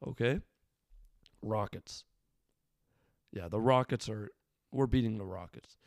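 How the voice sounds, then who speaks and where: A man's voice: on the low side, slow, creaky, no echo, clean studio sound. A man with a slightly worn, weathered voice giving casual solo sports commentary, informal and thinking aloud in short bursts as a fan.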